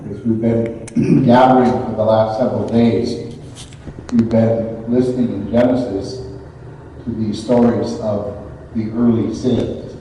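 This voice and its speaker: Slow priest in cathedral echo. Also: male voice, fairly low pitch, fairly even intonation, dark tone. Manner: measured, halting, with pauses and repeated phrases. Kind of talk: liturgical Gospel reading and homily. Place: large reverberant church, away from the microphone. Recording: echoey cathedral-like hall, distant, muffled, faint noise.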